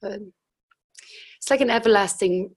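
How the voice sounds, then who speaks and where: At a moderate pace and medium pitch, a young female musician talks in a relaxed interview, her voice husky. She hesitates a lot and frequently starts her thoughts over.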